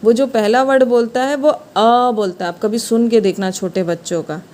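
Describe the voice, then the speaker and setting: Woman teacher going over grammar, kinda high voice, asks then answers her own questions. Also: steady tone, darkish tone. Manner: explains step by step, asks questions and answers them herself; sounds out letters slowly. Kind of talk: classroom-style grammar lesson.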